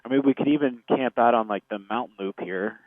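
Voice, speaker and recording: Over a dry, tinny helmet intercom, a medium-pitched man talks a little fast, keeping up casual conversation as he rides. The recording itself is dry.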